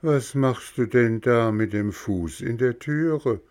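A man voicing a calm, unhurried female snail in a storybook reading, speaking in a placid, drawn-out way. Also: medium pitch, voice pushed up, lightly acted.

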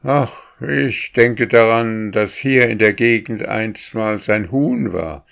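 A haughty crow chieftain speaks loudly and with scorn, his voice raised above the reader's own. A man reads him in a storybook. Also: fairly low pitch, takes it slowly, creaky, voice pushed up, exaggerated voice. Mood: scornful, reminiscing. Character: proud male crow chieftain.

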